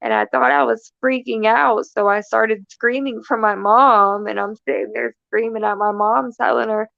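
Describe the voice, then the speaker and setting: A woman's voice: on the high side, expressive, moderate pace, gravelly, dry recording, highs cut off. A woman guest talking candidly and matter-of-factly in a casual conversation over a video call. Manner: candid and matter-of-fact, with light laughs.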